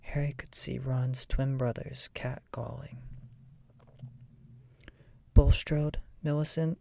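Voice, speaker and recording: A person reading a children's fantasy novel aloud in a soft, breathy ASMR whisper. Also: medium pitch, flat delivery, slow pace, a little hiss or hum. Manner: soft whisper, often voiceless.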